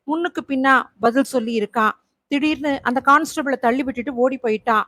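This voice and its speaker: Woman playing a stern cop, authoritative, crisp, high dry voice. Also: fairly quick, bright, forceful tone, dry recording. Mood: official. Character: brisk police officer, stern and official.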